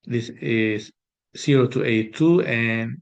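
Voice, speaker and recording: A man working through an exam problem as a math tutor, thinking aloud with pauses and fillers. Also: mid-range voice, lo-fi sound. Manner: slow, hesitant, thinking aloud while sketching. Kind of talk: exam solution walkthrough.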